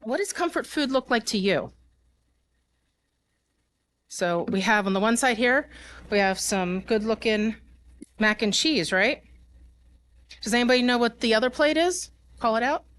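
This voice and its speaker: A woman's voice: on the high side, animated, a little slow, pauses often, fairly bright tone. A woman speaking at a security conference, conversational with fillers and restarts, laughing between points and talking with her live audience. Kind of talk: conference talk.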